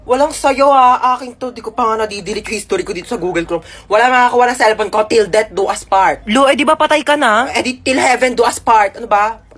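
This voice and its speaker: A woman's voice: on the high side, quick pace, a bit bright, echoey room. Playful Filipina woman acting comedy skits. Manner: playful, switching between many skit characters.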